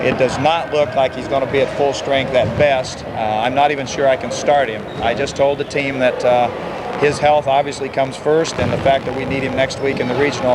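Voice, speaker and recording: A man speaking as a basketball coach in a pregame interview, plain and matter-of-fact, on worn old tape. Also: mid-range voice. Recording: very noisy worn 1980s tape.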